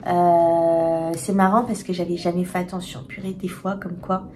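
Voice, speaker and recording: A woman chatting candidly to camera as a tarot reader, talking frankly and often pausing to search for words. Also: lowish voice, flat delivery, warm tone, slight background noise. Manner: hesitant, many filler pauses, frank and confiding. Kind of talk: candid casual vlog chat.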